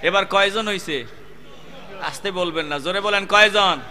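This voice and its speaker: A man preaching a waz sermon, swinging between loud calls and low chanting. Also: measured pace.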